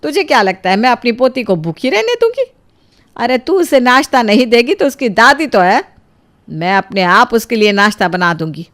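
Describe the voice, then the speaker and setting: A woman's voice: fairly high pitch, very animated, normal speed, a bit bright. A woman voicing a scolding old grandmother who spoils her granddaughter, in a cartoon storybook. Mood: chiding. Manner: indulgent, chiding.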